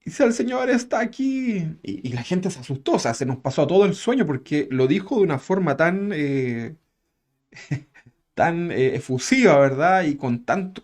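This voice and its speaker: A male preacher with a slightly raised voice delivers a sermon as if chatting with his congregation. He keeps checking in with little tag questions and lets out soft chuckles along the way. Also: a little high. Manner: conversational, tag questions after nearly every phrase; chuckles while telling a story.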